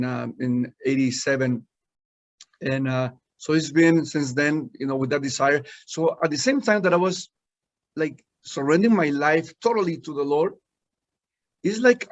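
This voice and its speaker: Man sharing his testimony. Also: on the high side. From Guatemala. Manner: earnest storyteller, many fillers and restarts. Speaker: senior pastor, guest. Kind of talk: personal testimony in conversation. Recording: dull lo-fi audio.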